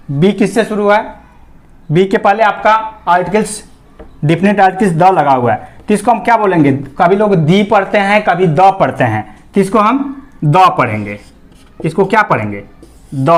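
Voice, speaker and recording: High-voiced man teaching English grammar. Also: expressive. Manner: repeats questions to students and answers them himself; reads example sentences word by word, slowly. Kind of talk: explanatory classroom lesson.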